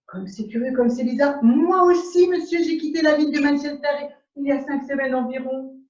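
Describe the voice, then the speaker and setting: A woman's voice: high-pitched, darkish tone, natural voice. A woman playing a prim, astonished English lady. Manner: measured, repetitive exclamations of polite surprise. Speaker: amateur actor. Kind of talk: absurdist stage dialogue. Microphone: video call. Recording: dull echoey room audio.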